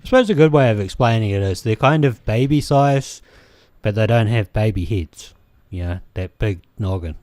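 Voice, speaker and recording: This let's play host has a New Zealand accent and a lowish, darkish, expressive voice at normal speed, recorded with no room sound. His casual commentary wanders hesitantly between moments of the game, full of ums and restarts.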